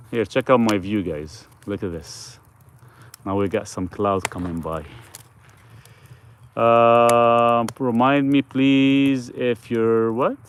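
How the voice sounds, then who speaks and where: A man's voice: medium pitch, a little hiss or hum. A man hosting a casual live stream, answering viewers' questions in a loose, rambling way with frequent restarts.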